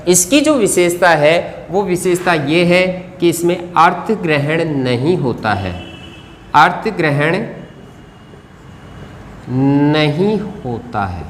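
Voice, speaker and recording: Hindi teacher, exam-prep board lecture, rhetorical questions, slow word-by-word dictation, long room reverb. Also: medium pitch, lively intonation. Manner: asks rhetorical questions, then answers them; dictates notes slowly, word by word. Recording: reverberant room with faint background noise.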